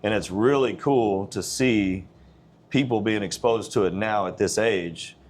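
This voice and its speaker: Blunt, low-voiced man in his forties. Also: measured pace. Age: 40s. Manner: blunt, earnest, plain-spoken. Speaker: gym owner. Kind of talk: casual interview conversation.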